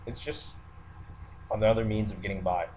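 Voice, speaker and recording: This unscripted monologue comes from a man in the military ranting to online listeners, matter-of-fact and hesitant as he thinks aloud. He speaks on the low side at normal speed, with a steady, darkish tone. The audio is poor, and background noise plus a nearby roommate can be heard.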